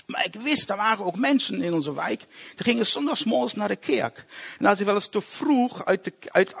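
A man giving an emotional personal conversion testimony in a halting storytelling way, often restarting his words. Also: sits high, creaky, husky. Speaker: testimony speaker.

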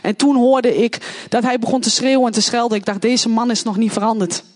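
A woman's voice: fairly high pitch, steady tone, brisk, darkish tone. A woman giving an earnest personal testimony in a church, telling her story in plain, heartfelt words. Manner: earnest, acts out quoted voices.

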